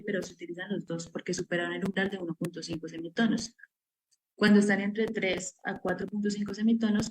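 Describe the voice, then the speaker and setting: A woman's voice: medium pitch, a little hiss or hum, rough recording. A woman giving an academic seminar presentation, explaining her research step by step with many filler words. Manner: explanatory, walks through steps with frequent "pues" fillers.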